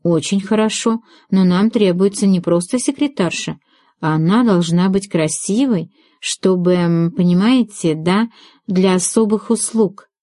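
A woman's voice: medium pitch, measured pace, mellow, dry recording, clean studio sound, close to an everyday voice. A woman reading the lines of a crude, sleazy man answering a phone call in an audiobook. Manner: blunt, sleazy.

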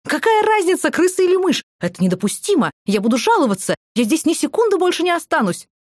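A woman voicing a fussy, panicky young female cellmate in an audiobook, shrill and indignant. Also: very animated, fast talker, no echo, clean studio sound.

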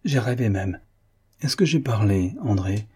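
A man's voice: lowish voice, animated, unhurried, mellow, husky, full character voice. A man voicing an older, sick father who asks agitated, pressing questions in a storybook reading. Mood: anxious.

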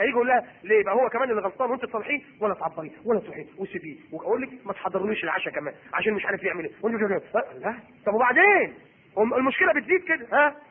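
Heard on a tinny recording that sounds like a phone, a husky, very high-pitched middle-aged man delivers a sermon in Egyptian Arabic accent. He's lively, performing both husband's and wife's voices.

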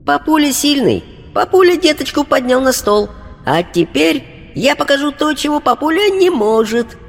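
A man voicing the spirit of a cheerful eight-year-old girl who chatters in thin, high baby talk. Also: very animated, moderate pace, gravelly, in a large hall, soft background music, full character voice. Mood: chatty. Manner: lisping baby talk, diminutives. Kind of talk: audiobook character voice.

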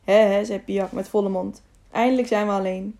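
A woman's voice: medium pitch, fairly even intonation, fairly quick, mellow, lightly acted. A woman reading the part of a clever, modest young man who tells things in a chatty, plain way. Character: cheerful, clever, modest young male friend.

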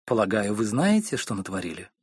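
Cool, firm woman friend, read by a man: low, quiet, stern, dry close sound. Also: brisk, breathy edge, dry recording. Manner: calm, cold and firm.

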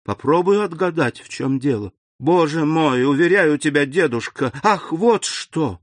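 A man's voice: fairly high pitch, expressive, a little slow, no echo, voice pushed up. A man reading an audiobook, voicing an anxious young woman who pleads with her grandfather. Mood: pleading.

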